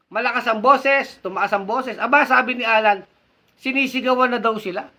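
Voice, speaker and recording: A man from the Philippines hosts a livestream, his voice sitting very high for a man and ringing with a bright, sharp edge. He rants with fiery scorn, calls people names and keeps turning to his audience with rhetorical questions as he reads out their comments. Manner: fiery, scornful and insulting, often rising to indignant emphasis. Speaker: online political commentator and show host.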